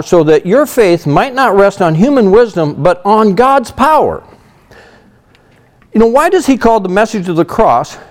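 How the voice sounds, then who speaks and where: Speaking on the high side with a slightly mellow sound, a middle-aged pastor walks listeners through a Bible passage. His sermon feels like a conversation, peppered with "you know" as he explains.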